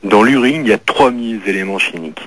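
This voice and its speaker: A man's voice: on the low side, lively intonation, quick pace, a crowd in the background, rough recording. A man with a Lyon accent, a documentary maker guest on a radio show, explaining facts earnestly.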